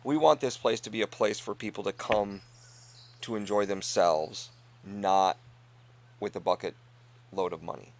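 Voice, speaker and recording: A middle-aged man who co-owns an inn talks earnestly in casual conversation, laughing often and letting his sentences fade out quietly. His voice is on the low side, his pace is measured, and he leaves long pauses.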